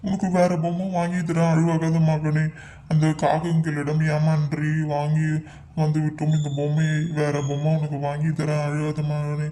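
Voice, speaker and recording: A man voicing a worried father who is trying to calm his crying little son in a cartoon story, with a pleading, fretful manner. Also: on the high side, moderate pace, lightly acted.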